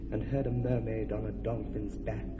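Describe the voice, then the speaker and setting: A man's voice: fairly low pitch, flat delivery, moderate pace, noisy background, natural voice. A man voicing Oberon, a jealous and commanding fairy king, with stern declamation. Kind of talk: radio drama acting. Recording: echoey, dull lo-fi radio with long reverb, music.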